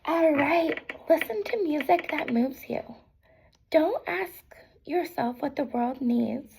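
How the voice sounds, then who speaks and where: Softly whispering, very creaky woman giving a pep talk. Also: sits high, measured pace, background noise. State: sick, voice affected. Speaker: ASMR creator. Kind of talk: soft whispered ASMR pep talk, reading affirmations aloud with casual asides.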